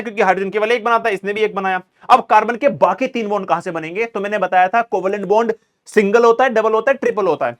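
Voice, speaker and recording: A man leads an exam revision lesson in a high, light voice. He talks to students like friends, repeats words as he writes on the board, and answers the questions he asks them. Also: a bit bright. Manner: repeats phrases while writing, asks and answers own questions; calls students "bhai", casual. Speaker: teacher.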